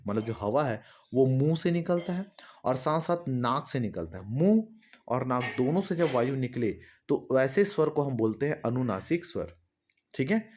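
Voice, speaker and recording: A man's voice: mid-range voice, a little mellow. Man, teacher, exam-prep lesson, repetitive explaining, asks and answers own questions. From Chhattisgarh. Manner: addresses students directly with fillers like "है ना".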